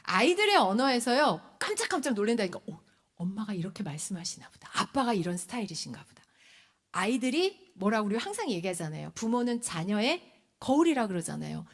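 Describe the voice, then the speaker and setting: Animated woman lecturing on parenting. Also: medium pitch, fairly quick. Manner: animated, acts out children's and parents' lines. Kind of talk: church lecture.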